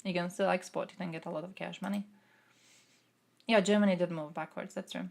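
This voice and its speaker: A woman's voice: lowish voice, fairly even intonation, fairly quick, creaky, a little mellow. A young woman from Croatia who streams and answers chat, talking through politics in a casual way, thinking aloud with fillers.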